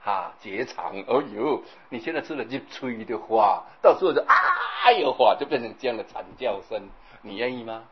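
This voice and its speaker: Husky man preaching. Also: on the low side, normal speed, hardly any pauses, dull audio. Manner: animated storytelling, acts out scenes, keeps asking the audience "right?". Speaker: Buddhist preacher. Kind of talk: sermon.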